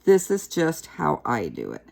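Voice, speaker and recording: Gravelly-voiced woman teaching a craft. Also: very deep voice, unhurried. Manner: chatty, relaxed, talks while working with her hands. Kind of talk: casual craft tutorial.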